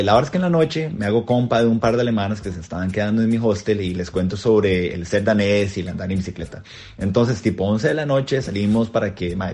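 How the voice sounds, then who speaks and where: Costa Rican young man, casual slangy storyteller, mid-range voice, gets animated. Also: medium pitch. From Costa Rica. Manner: animated, slangy, rising excitement in action. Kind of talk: casual anecdote.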